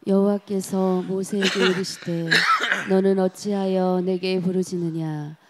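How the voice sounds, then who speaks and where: A woman reading scripture aloud during a worship service. She reads slowly and with measured pacing. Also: medium pitch, little pitch movement, heavy background noise.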